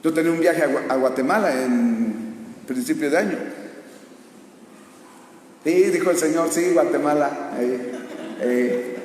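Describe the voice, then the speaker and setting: A man with a Mexican Spanish accent preaching a sermon in a church, bursting into shouted climaxes and asking rhetorical questions. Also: on the high side, a little slow, long pauses, a little hiss or hum. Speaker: pastor. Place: church sanctuary. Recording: echoey church hall, far from mic.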